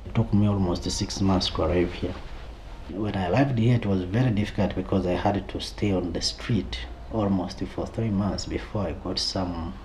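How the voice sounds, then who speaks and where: Deep male interviewee, forties, halting delivery, noisy ambience behind. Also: a little mellow. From Rwanda. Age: 40s. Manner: hesitant, with many fillers and restarts. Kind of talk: documentary interview testimony.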